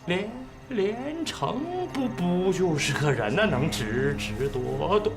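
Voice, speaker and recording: A stammering, timid servant. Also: male voice, sits high, very animated, slow, music in the background, exaggerated voice. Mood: flustered. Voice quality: constant stutter, repeats syllables. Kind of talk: costume comedy TV drama acting.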